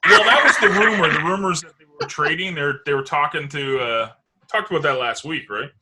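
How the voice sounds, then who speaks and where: A man's voice: on the high side, fairly quick, sharp tone, a little hiss or hum. A man hosting a casual sports talk show, rambling loosely and swearing now and then. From Canada.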